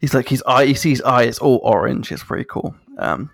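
Gravelly man in casual chat. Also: mid-range voice, brisk, no room sound, studio quality. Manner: animated, swears freely, laughs mid-sentence.

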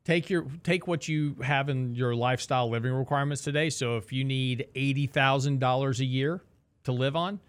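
A man's voice: mid-range voice, normal speed, clean tone. A middle-aged man hosting a casual financial talk show, explaining with rhetorical questions and asides. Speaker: radio show host.

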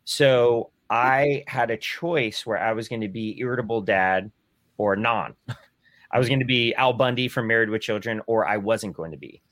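A man's voice: lowish voice, moderate pace, a bit bright, dry recording. A man in his forties, talking in a casual discussion with rambling, self-deprecating speech and frequent restarts.

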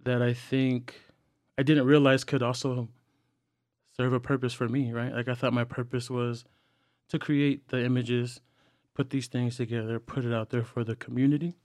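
Young man, podcast guest, earnest and halting, dry close mic. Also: mid-range voice, level tone, a little mellow, no echo. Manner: earnest, halting with frequent fillers and restarts. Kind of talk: candid personal sharing.

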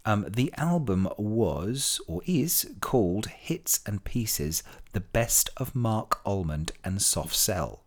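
A man's voice: fairly low pitch, expressive, slow. A man hosting a podcast in a chatty monologue, theatrical and effusive, drawing out words. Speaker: podcast host and stage performer.

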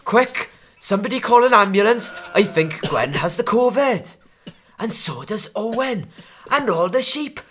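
A woman's voice: mid-range voice, lively intonation, a little slow, a bit bright, slightly rough. A woman doing a blunt farm woman. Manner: scolding, blunt. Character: brash scolding Welsh farm woman.

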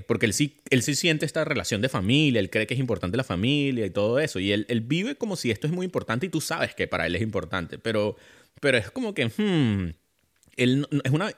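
A man's voice: medium pitch, a bit bright. A man talking casually about a film, rambling with many restarts and fillers.

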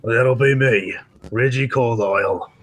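A man's voice: medium pitch, slow. A man playing a tabletop role-playing game, bantering casually and speaking in character.

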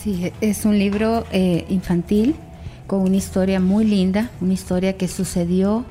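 A woman with a Salvadoran Spanish accent giving an informal spoken book summary as a guest, haltingly searching for words. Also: medium pitch, fairly even intonation, dark tone. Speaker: library guest recommending a book.

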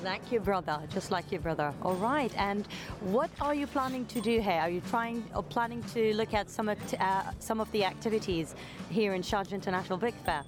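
An upbeat, chatty woman reporter interviewing visitors at a book fair. Her voice sits at a middle pitch, and music plays clearly in the background. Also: fairly quick. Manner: upbeat, chatty, laughs easily. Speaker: roving reporter. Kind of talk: vox-pop interviews.

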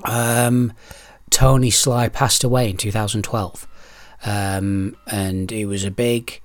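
A man in his thirties with a fairly low voice hosts a casual solo podcast. He speaks in a hesitant, rambling way, putting himself down and swearing freely as he chats to listeners. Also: steady tone, slow pace, no room sound. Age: 30s. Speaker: podcast host. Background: clicking of discs being handled.

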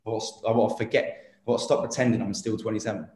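A man's voice: fairly low pitch, fairly even intonation, fast, a little mellow. Earnest young man rambling in echoey room. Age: 20s. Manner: rambling, earnest, many fillers and restarts. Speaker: interview guest. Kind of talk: casual interview talk.

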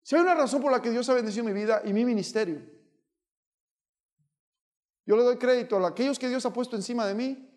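Male preacher, very high voice, fervent bilingual sermon, pleads and shouts at his flock. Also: a little fast, pauses often. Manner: impassioned, switches between Spanish and English; exhorts listeners directly, sometimes shouting.

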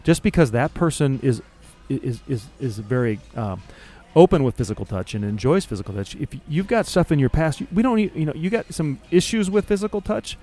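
A man's voice: fairly high pitch, lively intonation, a little fast, few pauses, warm tone. Guy co-hosting a chat show, talks loose, restarts a lot. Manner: chatty, repeats words while thinking. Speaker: podcast co-host. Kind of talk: casual conversation.

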